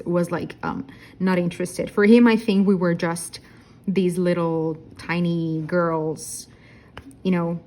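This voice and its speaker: A woman's voice: on the low side, darkish tone, a little hiss or hum. A woman in her thirties chatting casually in a vlog while crafting, tired and yawning, rambling with fillers and correcting herself. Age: 30s. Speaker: diamond painting vlogger. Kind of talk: casual chat.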